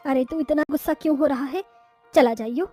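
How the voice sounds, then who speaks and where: A woman's voice: high-pitched, brisk, mellow, soft background music, close to an everyday voice. Woman doing a motherly mother-in-law. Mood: soothing. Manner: homely, reassuring. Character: caring older mother-in-law, motherly and firm.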